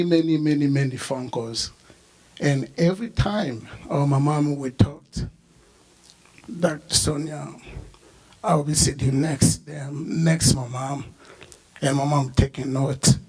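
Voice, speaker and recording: Young Congolese-born man, slow and gravelly, halting memorial speech. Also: medium pitch, a little mellow, low-quality recording. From Democratic Republic of the Congo. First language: not English. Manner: halting, many "uh" fillers. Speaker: memorial speaker. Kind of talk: personal remembrance speech. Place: memorial service hall.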